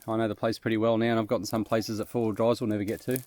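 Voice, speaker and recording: Out in the bush, an Australian vlogger from New South Wales who explores abandoned mines as a hobby talks to his viewers in a relaxed, informal, slang-heavy, self-deprecating way. His voice is lowish and a little mellow, with flat delivery at a racing pace.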